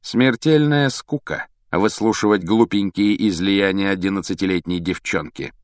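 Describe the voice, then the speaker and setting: A sinister teenage wizard , voiced by a man, talks slowly and smoothly with cold mockery. His voice sits fairly low, and the sound is dry and close. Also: no room sound, close to an everyday voice. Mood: coldly mocking. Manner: smooth, coolly mocking, unhurried. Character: sinister teenage boy wizard, calm and cruel.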